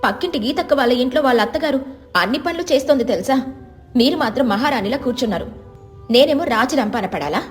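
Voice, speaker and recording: A woman voicing a stubborn, resentful young wife who snaps and complains quickly. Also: high-pitched, animated, faint music behind.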